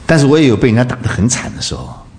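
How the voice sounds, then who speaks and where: A male preacher giving a sermon, throwing rhetorical questions at the congregation and swinging between loud bursts and soft asides. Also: mid-range voice, lively intonation, very fast.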